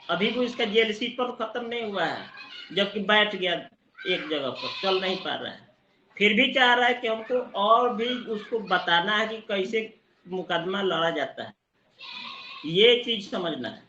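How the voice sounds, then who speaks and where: A man teaching a study group from a spot near a busy market, slowly repeating technical terms as he explains. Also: sits high, animated, bright, forceful tone, echoey room, highs cut off, slight background noise. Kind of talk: online study-group lecture.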